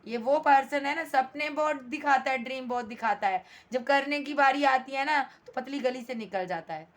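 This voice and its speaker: A woman reading tarot cards for her viewers in a blunt, emphatic way. Her voice sits a little high. She scolds the absent partner and keeps reassuring the listener. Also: moderate pace. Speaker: tarot reader.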